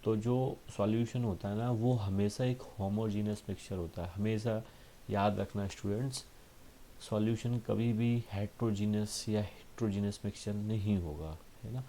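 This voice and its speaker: A man teaching a school science lesson, explaining patiently with frequent tag questions and reading textbook lines slowly. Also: on the low side, steady tone, dark tone, a little hiss or hum. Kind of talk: classroom lesson.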